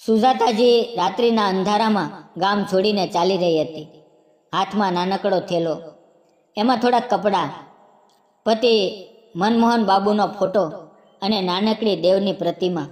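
A woman narrating a scripted story in a slow, solemn storytelling manner. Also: medium pitch, darkish tone. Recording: roomy with long reverb.

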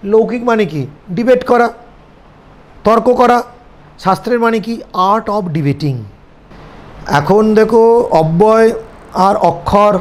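A man with a Bengali accent delivers a seminar lecture in a high-pitched voice. He explains concepts step by step and keeps asking whether his listeners have understood. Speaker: seminar teacher. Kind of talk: lecture to students.

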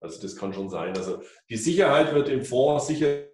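Speaking briskly with lively intonation and a medium pitch, a man in his fifties explains financial matters at an office whiteboard, full of fillers and restarts. The office echoes, and the microphone sits at a distance.

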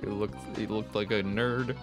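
A man's voice: lowish voice, fairly even intonation, a little slow, over music. A young man playing and reading a visual novel aloud as a game streamer, sarcastic and cussing.

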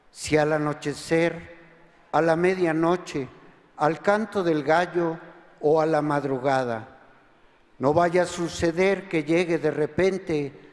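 A man, a priest, reading the Gospel at Mass in a slow, measured liturgical way, with a cathedral echo behind his voice. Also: a little high. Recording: long reverb of a large church.

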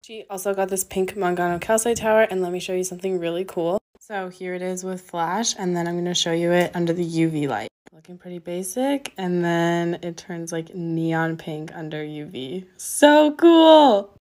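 Young woman, slightly low voice, chatty, upbeat, item-by-item narration, shop owner packing orders. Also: steady tone, moderate pace, hardly any pauses, darkish tone. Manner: chatty, upbeat, listing items one by one.

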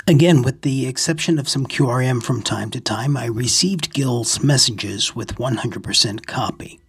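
Hosting a ham radio video, a man narrates an explanatory screen recording at a measured, deliberate pace. His voice is husky and gravelly, pitched in the middle range.

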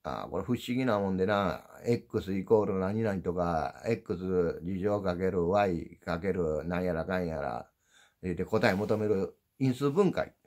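A middle-aged channel host speaking Osaka dialect rambles through a casual, folksy monologue for his viewers, meandering and poking fun at himself. His low, gravelly voice is darkish and a little slow, recorded on a handheld phone.

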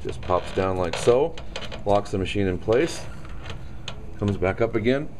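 A man with a fairly low voice walks a camera around a machine in an indoor showroom, explaining its features in a loose, unscripted way. He fills his pauses with plenty of ums and uhs, and there is a faint hum of room noise behind him. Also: animated. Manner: casual, many ums and uhs. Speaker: equipment salesman. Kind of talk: product walkaround demo.

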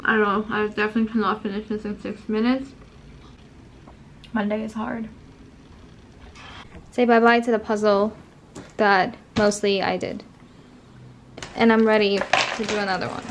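A woman's voice: mid-range voice, vocal fry. A young woman chatting casually to her camera in a daily vlog, rambling from one thing to the next. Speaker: vlogger. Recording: noisy handheld vlog audio.

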